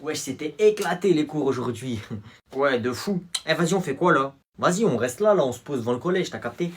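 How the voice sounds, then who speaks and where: A man with a slightly high, husky voice performs a comedy sketch. He talks in quick, casual street slang. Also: lively intonation. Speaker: sketch comedian playing several characters.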